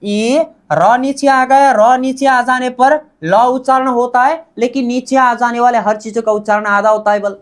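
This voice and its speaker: A man's voice: extremely high pitch, steady tone, normal speed, hardly any pauses. A man teaching a Korean lesson, drilling words by repetition and asking and answering his own questions. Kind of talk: classroom lesson.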